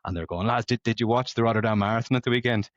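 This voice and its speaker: Racing along in a mid-range voice, a late-thirties Northern Irish man from Belfast rambles casually through his stories as a podcast guest. He competes as an amateur runner. The dull, lo-fi podcast recording has no echo.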